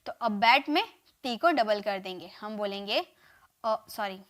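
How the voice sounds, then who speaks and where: A young woman with an Indian accent teaching English verb forms in a live online class, saying each word form aloud and repeating it, with frequent quick check-ins with her viewers. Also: mid-range voice.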